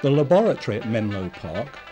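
Man narrating a documentary, lively pitch. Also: music in the background. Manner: measured, even storytelling. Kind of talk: scripted narration.

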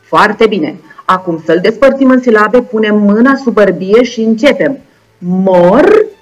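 A young woman teacher with a Moldovan Romanian accent, giving a video lesson to first graders in a slow, clear, encouraging way and sounding out words syllable by syllable. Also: mid-range voice. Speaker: primary school teacher. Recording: dull lo-fi recording with faint background music.

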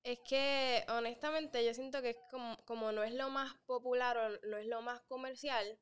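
A woman's voice: a little high, steady tone, moderate pace, smooth. A young woman with a Puerto Rican accent, a troubadour guest explaining rhyme patiently in a casual interview. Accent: Puerto Rican Spanish. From Puerto Rico. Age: young adult. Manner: explains patiently, gives examples. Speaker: guest, trovadora.

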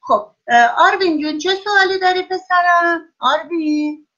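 A woman teaching a class of young children over a video call, praising them often and drawing out words slowly so they can write them down. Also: extremely high pitch, pushed and bright, lo-fi sound. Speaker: primary school teacher.

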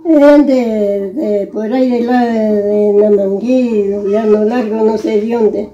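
A frail woman over a hundred, speaking with a rural Nicaraguan accent. Her voice sits a little high and is very dark and mellow in tone. She recounts memories conversationally, repeating herself, in a slightly muffled lo-fi recording. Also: steady tone, slow, roomy sound. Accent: rural Nicaraguan Spanish. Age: over 100, very old. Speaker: interviewee. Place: small brick room at home. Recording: dull lo-fi phone video sound.

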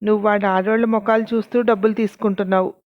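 A woman's voice: medium pitch, flat delivery, fast talker, highs cut off, natural voice. A woman voicing a blunt, defiant male mason who fires back taunting retorts in a told story.

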